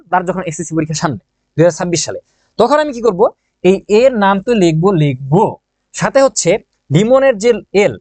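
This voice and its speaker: A quick, slightly high-voiced man runs an exam-prep lesson in a chatty, joking way. He keeps asking his own questions and answering them, and he repeats the key points. His voice is close to the mic in a dry room. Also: darkish tone, dry recording. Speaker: teacher.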